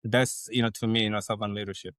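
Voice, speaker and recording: A man, a guest on a podcast interview who explains things in a measured way with folksy sayings. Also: fairly low pitch, level tone, a bit bright, no echo. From South Korea. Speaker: guest, leadership consultant.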